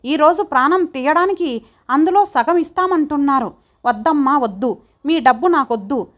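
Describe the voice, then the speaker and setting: A woman's voice: high voice, normal speed, fairly bright tone. A woman voicing a poor, pregnant young woman who speaks in a firm, pleading way.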